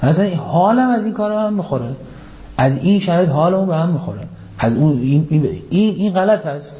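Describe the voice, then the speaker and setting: This man's voice is high-pitched yet mellow, and lively throughout. As a religious lecturer, he gives a Quran commentary sermon full of rhetorical questions and recited Arabic verses, with an emphatic rise on the main points.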